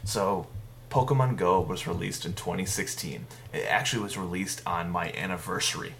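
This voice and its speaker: Brief: male podcast co-host, low voice, playful casual chat. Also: moderate pace, creaky, fairly bright tone, slight background noise. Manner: jokey, laughs often.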